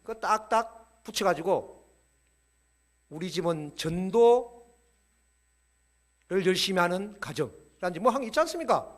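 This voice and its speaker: A man giving a playful, animated sermon-style lecture to a church audience. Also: high-pitched, moderate pace, pauses often.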